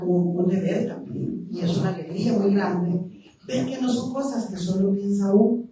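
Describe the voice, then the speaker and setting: A woman speaking as a panelist, expressive with a few hesitations. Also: mid-range voice. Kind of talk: panel discussion remarks. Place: historic house, event room. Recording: echoey room from far off.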